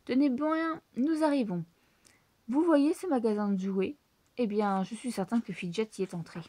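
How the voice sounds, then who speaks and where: A woman voicing a clever, excitable male mouse detective with a brisk, self-assured manner, in a storybook reading. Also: a little high, no echo, lightly acted. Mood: confident.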